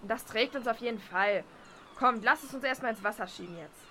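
Casting: woman as a bossy, pushy young woman, highish voice, clear background noise. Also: pushed and bright. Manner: pushy, brisk.

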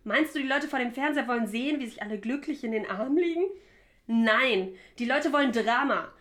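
A ruthless television producer with a snappy, domineering edge, voiced in an audio drama by a woman. She sits a little high and cuts people down fast. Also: lightly acted. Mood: angry. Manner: snappy and domineering, shouts when angry. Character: ruthless ratings-obsessed female TV producer. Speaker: production manager.

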